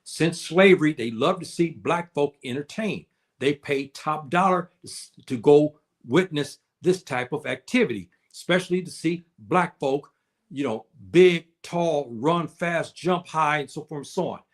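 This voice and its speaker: A man hosting a casual livestream, answering his chat in a halting way with many repeated words and fillers. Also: on the high side. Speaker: livestream host reading chat. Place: indoors, living on the African continent.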